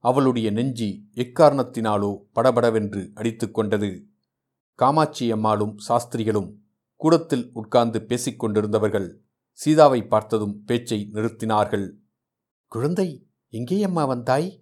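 A man's voice: lowish voice, normal speed, a little mellow. A man steadily narrating a novel aloud as a storyteller.

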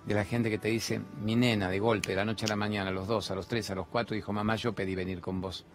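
Argentine male TV host, low-ish voice, emphatic and rhetorical, spiritual monologue in a big studio with faint music. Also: level tone, fast. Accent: Argentine Spanish. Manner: emphatic, rhetorical questions, repeats phrases. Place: large TV studio.

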